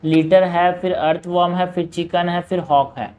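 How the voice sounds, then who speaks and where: A man working through exam quiz questions. He reads each question slowly, then explains it quickly in a casual tone, often saying "bhai" and "yaar". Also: high-pitched, fairly even intonation, a little mellow, clean tone. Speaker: exam prep teacher. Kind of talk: solving quiz questions aloud.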